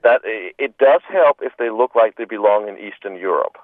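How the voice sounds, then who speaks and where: Deep-voiced man on a tinny phone line. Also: expressive, normal speed, no echo. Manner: joking, rambling, with repeated restarts. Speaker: film director being interviewed. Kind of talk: casual radio interview.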